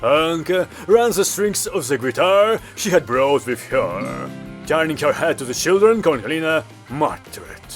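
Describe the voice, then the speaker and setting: A man narrating a comic audiobook with an animated, expressive delivery. His voice sits fairly high and rises and falls widely. Faint music plays behind him. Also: unhurried. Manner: lively, expressive storytelling. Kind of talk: scripted narration. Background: background music.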